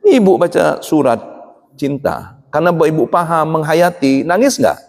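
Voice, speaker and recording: A man's voice: fairly high pitch, moderate pace, gravelly. A middle-aged man preaching a sermon to a congregation, often asking them questions. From Indonesia. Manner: lively, asks the congregation questions. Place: mosque hall. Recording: long hall reverb.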